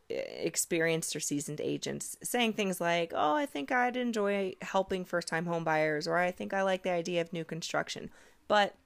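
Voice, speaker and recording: Woman podcast host, kinda low voice, upbeat and persuasive. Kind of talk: conversational podcast monologue.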